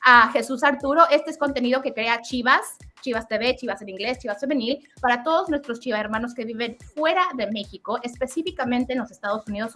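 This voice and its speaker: A woman's voice: fairly high pitch, a bit bright. A woman co-hosting a casual bilingual sports talk show, upbeat and switching between English and Spanish. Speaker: co-host.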